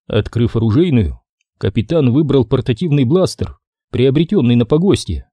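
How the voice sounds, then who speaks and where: A man narrating a science fiction audiobook in an expressive storytelling manner. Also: medium pitch, normal speed, no room sound. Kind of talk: scripted narration.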